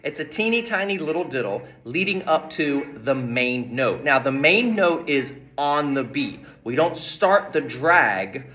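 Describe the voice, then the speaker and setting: A man's voice: on the high side, expressive, measured pace, hardly any pauses, pushed and bright. A man teaching percussion rudiments, explaining each exercise, counting beats aloud and often adding "right?". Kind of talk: instructional demonstration. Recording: drums playing between spoken lines. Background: drum playing.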